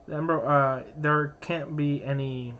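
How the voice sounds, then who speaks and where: A man with a voice a touch higher than most talks through game trivia in a rambling, casual way, filling his pauses with uh and um. His mic sounds dull and lo-fi, without much top end. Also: fairly even intonation, a bit bright. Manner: rambling explainer, full of uh and um. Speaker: co-host of a live game stream. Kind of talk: casual chat and trivia explaining.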